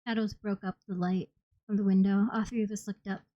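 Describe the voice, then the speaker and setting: Woman reading audiobook, warm mellow voice, dull lo-fi dry sound. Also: mid-range voice, little pitch movement, brisk, no room sound. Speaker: audiobook reader. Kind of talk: first-person audiobook narration. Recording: slightly dull, dry recording.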